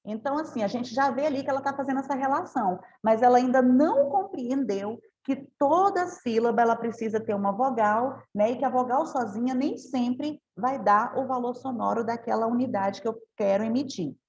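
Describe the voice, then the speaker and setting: A woman's voice: fairly high pitch, normal speed, a little mellow, highs cut off. A woman giving a teacher training talk, explaining step by step and often adding tag questions.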